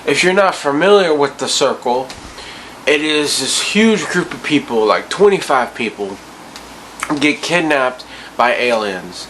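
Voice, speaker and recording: A man's voice: medium pitch, lively intonation, measured pace, a bit bright, slight background noise, poor audio. A drunk man giving a casual, rambling, profane rant about movies in a loose, incredulous way. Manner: tipsy, loose, incredulous ranting. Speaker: vlogger ranting about bad movies.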